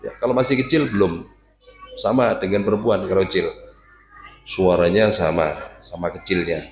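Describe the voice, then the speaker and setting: Low-voiced religious teacher. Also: male voice, normal speed, reverberant. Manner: lively, jokey, demonstrates recitation aloud. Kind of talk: casual Quran class teaching. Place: prayer room with students.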